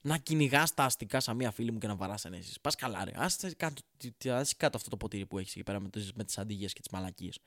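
A man's voice: on the low side, lively intonation, few pauses, a bit bright, no echo, clean studio sound. Sarcastic, profane ranting man. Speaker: comedian ranting to camera. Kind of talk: comedic rant.

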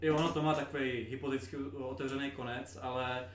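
A man's voice: mid-range voice, little pitch movement. A man co-hosting a casual podcast chat, rambling enthusiastically with many fillers. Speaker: podcast co-host. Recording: roomy, distant mic with faint noise.

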